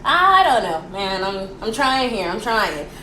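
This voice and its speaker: A young adult American woman hosts a chatty, informal history presentation for a school project, playful, theatrical and slangy, tossing out rhetorical questions. Her medium-pitched voice is bright and forceful, with big pitch swings and a slightly slow pace. The room is echoey, with faint background noise.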